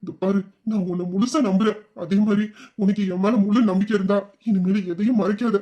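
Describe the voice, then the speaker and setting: A man's voice: high voice, steady tone, a little fast, warm tone, muffled recording. A man voicing a loving young husband in a romantic audio drama, speaking in an earnest, reassuring and teasing way.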